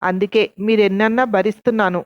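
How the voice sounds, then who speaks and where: A woman's voice: medium pitch, steady tone, brisk, no echo, dull audio, natural voice. A woman narrator voicing a proud young man who argues while holding his temper. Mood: restrained irritation. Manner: restrained, arguing.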